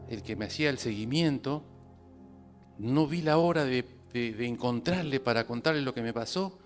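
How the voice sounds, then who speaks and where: A male preacher with a Rioplatense Spanish accent tells a testimony from a church pulpit. He tells it in an animated way, acting out both sides of a dialogue. His voice sits at an ordinary middle pitch, with faint music underneath. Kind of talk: sermon testimony.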